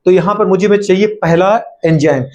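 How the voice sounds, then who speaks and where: A man's voice: high voice, fairly quick, a little mellow, slight background noise. A male biology teacher with a Hindi accent, lecturing a class, often asking questions and answering them himself, teasing his students.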